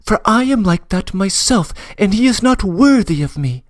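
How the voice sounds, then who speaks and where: A man's high, expressive voice at normal speed, recorded without room sound, reads a classic novel aloud. He takes on a passionate young woman who begs earnestly, nearly crying, in a breathless, trembling confession.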